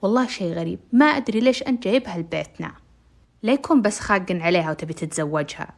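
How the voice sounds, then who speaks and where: A woman voicing an impatient, bossy young woman who scolds loudly in Arabic. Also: expressive, rapid-fire, creaky. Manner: loud, scolding, raised pitch.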